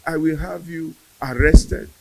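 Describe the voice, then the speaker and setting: A man voicing a furious middle-aged mother who shouts insults at a visitor. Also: fairly high pitch, fairly quick, background noise, voice pushed up, close to an everyday voice.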